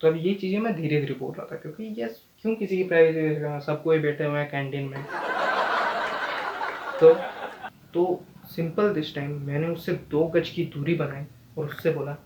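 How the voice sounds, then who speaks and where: A young man tells a stand-up story in a slightly high voice, playing out each quoted line with sudden bursts of energy. The room around him rings with echo, and a faint noise sits underneath. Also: moderate pace. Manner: animated, acts out quoted lines with sudden loud jumps. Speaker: stand-up comedian and channel host.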